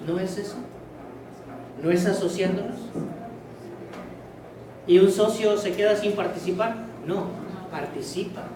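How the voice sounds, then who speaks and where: A man's voice: sits high, measured pace, pauses often, recorded from a distance, noisy background. A man preaching a sermon as pastor, emphatic and urging listeners to pay attention. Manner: emphatic, keeps telling listeners to listen closely. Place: church. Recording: very echoey church hall from afar.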